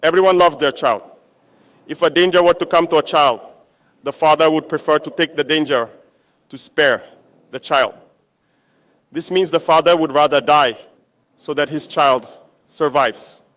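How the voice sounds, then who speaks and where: A man's voice: fairly high pitch, moderate pace, pauses often, fairly bright tone. A man giving a rallying political speech to troops as a military leader, exhorting them with repetition and rhetorical questions.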